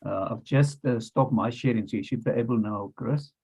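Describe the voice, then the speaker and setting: Over dull, lo-fi group voice chat audio, a man moderates an online panel at a moderate pace, his mid-range voice dark, breathy, and marked by vocal fry. Polite and talkative, this webinar moderator introduces the speakers and apologizes for technical problems.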